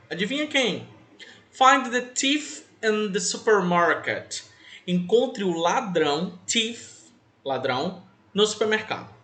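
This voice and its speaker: Young male teacher, high and sing-song, patient step-by-step explainer, roomy echo. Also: a bit bright. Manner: patient, repeats and spells out rules step by step. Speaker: English teacher. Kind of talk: online class lesson for children.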